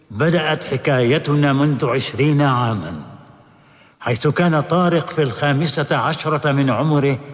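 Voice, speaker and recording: A man's voice: fairly high pitch, long reverb tail. A man playing an earnest court prosecutor who narrates the case, declaiming formally in an old radio drama broadcast. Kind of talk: 1970s radio acting.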